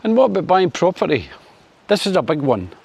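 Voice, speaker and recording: Fairly quick and husky, with vocal fry and a darkish tone, this Scottish vlogger in his sixties swings his pitch widely as he gives his opinions to camera. He's chatty and wry with lots of fillers, and his voice lifts for sunny Spain.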